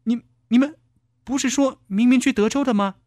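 A man voicing a frightened young woman taxi driver who pleads in a high, rushed voice. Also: sing-song, a little mellow, no echo, clean studio sound. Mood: frightened, pleading.

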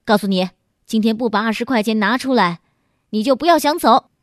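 A rude, money-grabbing male taxi driver barks short, gruff lines, as a woman narrator acts him out. The voice sits close to the mic with no room sound, as in a told audio story. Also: a little high, big pitch swings, fairly quick, dry recording. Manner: gruff and curt.

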